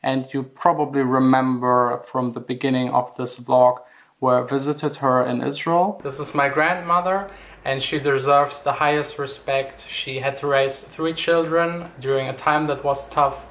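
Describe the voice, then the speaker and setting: Speaking a little slowly with fairly even intonation, this young vlogger from Germany has a medium-pitched, fairly bright voice and a German accent. The house DJ and music producer reflects earnestly and plainly in his personal vlog.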